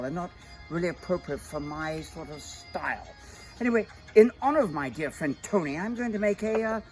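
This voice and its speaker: Guy hosting a cocktail vid, gushy and rambly, lots of uhs, faint music behind. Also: high voice. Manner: effusive, rambling, genteel, with frequent fillers. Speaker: cocktail show host. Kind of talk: casual cocktail-making chat.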